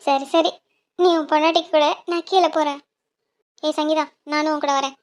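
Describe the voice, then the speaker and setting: A woman's voice: high voice, moderate pace, natural voice. A woman voicing a cheerful young female college student in a cartoon, chatty and teasing. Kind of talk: cartoon dialogue.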